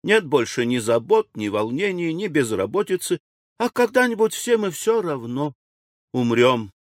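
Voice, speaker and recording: A male audiobook reader voicing a fussy, anxious older widow who talks in a shrill, excitable way. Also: normal speed, no echo, studio quality. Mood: complaining. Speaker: audiobook character. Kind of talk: audiobook character reading.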